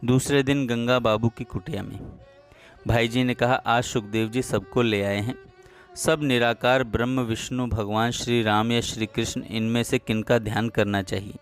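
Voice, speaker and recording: A man narrating a devotional story in a calm, measured reading voice. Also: mid-range voice, soft background music.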